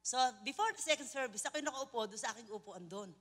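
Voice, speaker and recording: High-voiced Filipino woman preaching in reverberant hall. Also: fast talker. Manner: animated storytelling, mixing in laughter and English phrases. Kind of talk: sermon.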